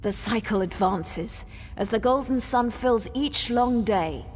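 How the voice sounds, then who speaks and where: In theatrical fantasy game dialogue, an actress plays an ancient female spirit guardian who solemnly delivers cryptic riddles with ceremony. Her voice is on the high side, a little mellow, and she takes it slowly. Long cavernous reverb and background noise fill the recording.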